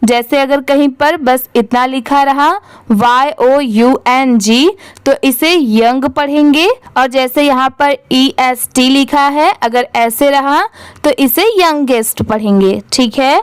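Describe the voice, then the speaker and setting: Young female tutor; slow, patient letter-by-letter spelling, dry close sound. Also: sits high, steady tone, clean tone, no echo. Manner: spells words letter by letter, asks "ठीक है?" often. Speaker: English reading teacher.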